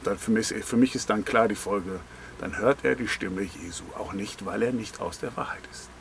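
A man's voice: fairly low pitch, normal speed, creaky, slight background noise. Earnest German-speaking preacher man. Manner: earnest, direct address with rhetorical questions; pointed, emphatic phrasing. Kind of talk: devotional sermon on a Bible verse.

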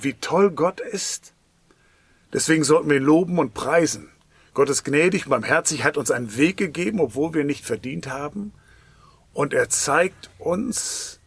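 A man's voice: on the high side, creaky, breathy edge, dry recording. A man preaching a sermon, emphatic, often dropping to a whisper at the end of a phrase.

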